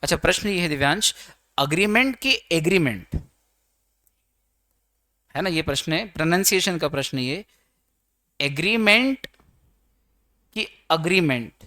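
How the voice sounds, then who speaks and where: Bright-voiced chatty male law teacher. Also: a little high, expressive, normal speed, long pauses. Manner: chatty and teasing, mixing English terms into explanations. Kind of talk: online exam-prep lecture.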